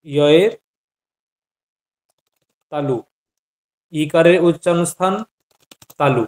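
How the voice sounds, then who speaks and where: A man's voice: fairly high pitch, slow pace, darkish tone. A man teaching Sanskrit grammar in an online class, patiently quizzing his students and repeating each point.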